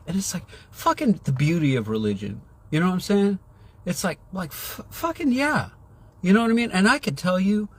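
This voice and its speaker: A man's voice: high-pitched, slightly rough. A man delivering an agitated, profane monologue to his viewers, repeating himself and constantly asking if they know what he means. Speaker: vlogger.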